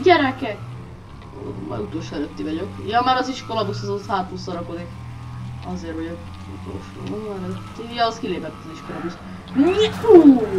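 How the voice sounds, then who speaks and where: A woman giving let's play commentary on a racing game, excitable and often shrieking at crashes, talking loudly into a poor microphone. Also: mid-range voice. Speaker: gamer. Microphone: poor gaming mic, speaking loudly into it. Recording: distant mic with faint noise.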